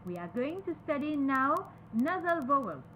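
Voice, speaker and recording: A woman with a French accent teaching pronunciation, repeating each word slowly and switching between French and English. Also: high voice, very animated, fairly bright tone, a little hiss or hum, rough recording. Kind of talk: slow, careful pronunciation lesson.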